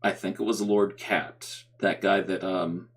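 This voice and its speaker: A man in casual reaction commentary, slow and meandering, with halting restarts. His voice sits low, and he takes his time with every thought. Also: level tone. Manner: rambling, halting, with many fillers. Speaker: streamer reacting to a video.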